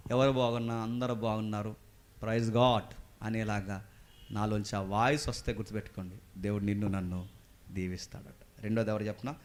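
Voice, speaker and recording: A man preaching a sermon, putting questions to the congregation and rising to loud calls. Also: on the low side. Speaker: pastor.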